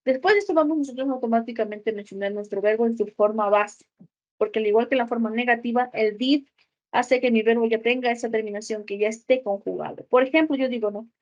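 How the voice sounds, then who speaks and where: A woman teacher gives a recorded school lesson, explaining each rule step by step and checking in with her students as she goes. Her voice sits a little high. The recording is dull and lo-fi. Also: fast talker, darkish tone. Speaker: English teacher.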